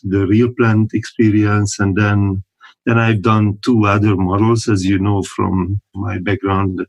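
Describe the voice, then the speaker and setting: A man talks through his answers at an unhurried pace, pausing often to find the right word. His voice sits a little low and has a husky edge. He sounds like a guest speaking from home over a remote call. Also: darkish tone, low-quality recording. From Hungary. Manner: unhurried and thoughtful, many pauses, chuckles between thoughts. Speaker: guest, company founder. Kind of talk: casual interview talk.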